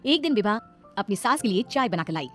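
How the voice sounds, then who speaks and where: Woman narrator, fast, matter-of-fact storybook reading. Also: medium pitch, big pitch swings, faint music behind.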